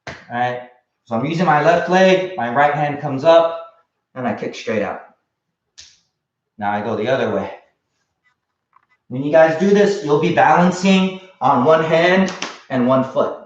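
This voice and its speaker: A man coaching a kids' jiu-jitsu class, explaining casually and calling out drills in short, sharp martial arts commands. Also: a little high, expressive, unhurried, pauses often. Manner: casual, explanatory, frequent "right?" check-ins. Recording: muffled, roomy lo-fi class livestream.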